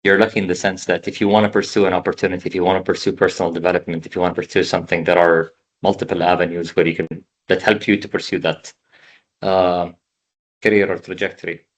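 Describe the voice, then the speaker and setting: A man from the Emirates in his thirties speaks with a very low voice. He talks casually over a video call, pausing and repeating words while he gathers his thoughts. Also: level tone. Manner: halting, repeats words while thinking aloud. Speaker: podcast guest. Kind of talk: casual conversation.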